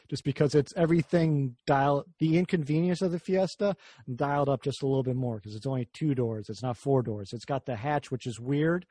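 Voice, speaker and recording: A man's voice: mid-range voice, dark tone, no echo. A man hosting a casual car podcast, talking in a rambling, jokey way that keeps interrupting itself. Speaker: podcast host.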